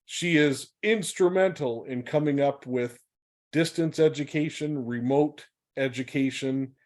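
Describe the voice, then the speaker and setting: A man's voice: a little high, a little slow, a little mellow. A man hosting an online webinar, giving friendly, upbeat introductions of the speakers with a few fillers. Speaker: webinar host.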